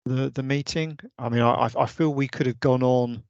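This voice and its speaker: A man's voice: mid-range voice, fairly even intonation, normal speed, darkish tone, clean tone, no room sound, muffled recording. A man on an online meeting call, suggesting ideas in a hesitant way with many restarts. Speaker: vice chair of a users' group meeting. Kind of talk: casual online meeting discussion. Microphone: video call.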